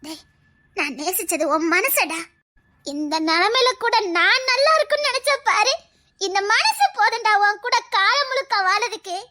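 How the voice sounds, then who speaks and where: A woman playing a shrill, tearful young lover. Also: animated, moderate pace, pushed and bright, exaggerated voice. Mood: defiant. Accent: Tirunelveli Tamil. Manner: tearful, insistent, laughing through sobs. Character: devoted young woman clinging to her paralysed lover. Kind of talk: comedy skit acting.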